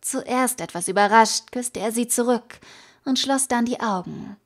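A woman's voice: a little high, unhurried. Woman narrating a fan audiobook. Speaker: fan fiction reader.

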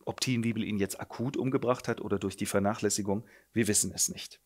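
A man's voice: on the low side, fairly even intonation, quick pace, husky. A man hosting, retelling a classic novella in a playful, comic storytelling manner. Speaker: host.

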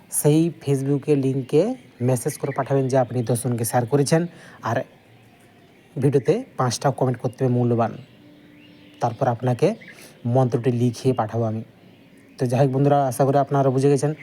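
A man's voice: mid-range voice, fairly even intonation, fairly quick, long pauses, warm tone, slight background noise. A man teaching a folk healing chant, chatting at length and reciting its verses in a sing-song. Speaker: mantra teacher on a video channel. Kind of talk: instructional talk with recited chant.

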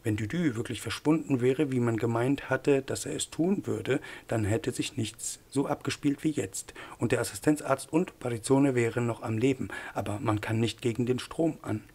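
A man's voice: medium pitch, moderate pace, few pauses, a little mellow, husky. A man voicing a weary old professor. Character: weary old male professor, cold and sardonic. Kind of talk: audiobook character voice.

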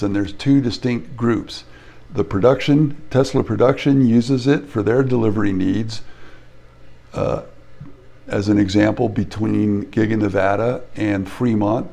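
A man hosting his own channel, narrating a casual vlog over drone footage in a halting way, with many fillers and restarts. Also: on the low side, vocal fry, warm tone. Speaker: channel host.

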